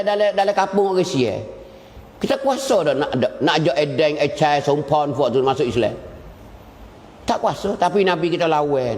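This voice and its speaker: A man delivers an Islamic lecture in a fairly high voice. His storytelling swings up and down in pitch and keeps repeating short phrases. The sound rings with a long hall reverb. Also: a little mellow. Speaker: religious teacher.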